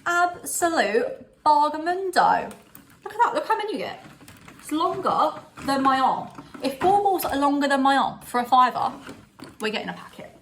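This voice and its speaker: Young woman, vlogger, upbeat chatter, laughs at herself, slightly high voice. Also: very animated, fairly quick, background noise. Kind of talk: casual home haul vlog. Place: at home, in front of a styled background.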